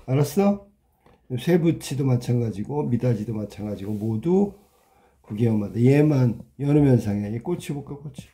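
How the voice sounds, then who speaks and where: A man with a very dark, mellow voice teaches in a relaxed, chatty way as he works through test questions. He stretches words out to show how they are pronounced and keeps checking with rhetorical questions. His pitch sits right in the middle. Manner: talkative, sounds words out slowly and repeats them, asks rhetorical questions. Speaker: Korean language teacher. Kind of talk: casual exam walkthrough lesson.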